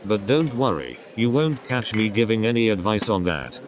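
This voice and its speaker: A man doing a stand-up comedy routine, delivering deadpan one-liners one after another. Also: fairly low pitch, moderate pace. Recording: crowd laughter in background. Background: audience laughter.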